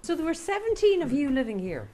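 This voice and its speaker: A woman's voice: sits high, big pitch swings, fast, dark tone, slight background noise. A woman doing a casual interview on location, echoing and affirming what she hears with appreciation. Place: on location at a lighthouse cottage.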